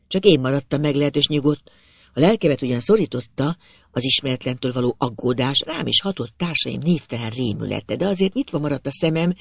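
A man narrating a literary story in the first person, with measured, expressive storytelling. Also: a little high, creaky, no echo.

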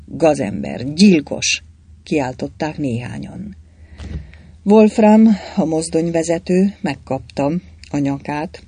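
A man reading a adventure novel aloud with dramatic, animated delivery. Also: fairly high pitch, breathy edge. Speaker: audiobook narrator.

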